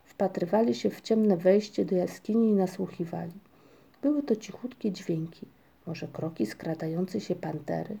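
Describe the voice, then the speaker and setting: A woman narrating a children's storybook in a gentle, even reading voice. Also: fairly low pitch, normal speed, creaky, breathy edge. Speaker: audiobook narrator.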